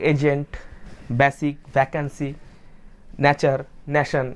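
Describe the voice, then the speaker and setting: A man teaching English pronunciation in an online lesson, explaining patiently and repeating example words slowly. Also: on the high side, a little mellow, a little hiss or hum. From Bangladesh.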